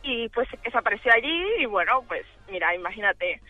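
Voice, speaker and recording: This radio caller, a woman from the Dominican Republic, giggles through a casual account of her own experience, talking a little fast with lively intonation in a slightly high voice. The tinny, band-limited phone audio has no room sound.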